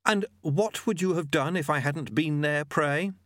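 A man's voice: a little high, measured pace, fairly bright tone, no room sound, clean studio sound, pitched above the performer's own voice. A man voicing an indignant young apprentice. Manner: protesting, exasperated.

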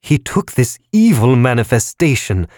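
A man voicing a floating creditor balloon in an audiobook, with a squeaky, piping, shrill voice and a self-righteous, scolding manner. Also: sing-song, normal speed, a little mellow, dry recording, studio quality. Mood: accusing. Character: shrill nagging debt-collector balloon, floating thing. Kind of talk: audiobook narration with character voices.

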